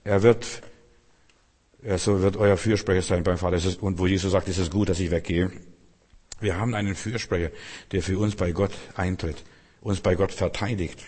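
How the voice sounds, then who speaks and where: A man's voice: low voice, steady tone, normal speed, darkish tone, long reverb tail. A man preaching a sermon, earnest and repetitive, speaking directly to the listener.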